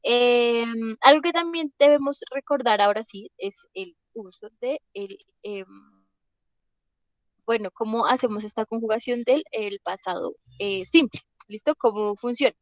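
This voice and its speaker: A woman's voice: on the high side, measured pace, no room sound, dull audio. A young woman teaching an English grammar class, explaining patiently and often checking that her students are following.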